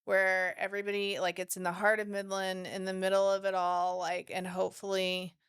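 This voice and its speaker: A woman's voice: mid-range voice, flat delivery, a little fast, a bit bright, smooth. A woman, a business owner and podcast guest, telling her story in casual, frank conversation. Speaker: guest entrepreneur. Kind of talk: casual interview chat.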